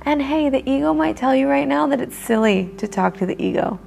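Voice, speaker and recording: A woman leading a guided meditation in a soft, soothing way, with breathy pauses. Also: high voice, animated, slight background noise.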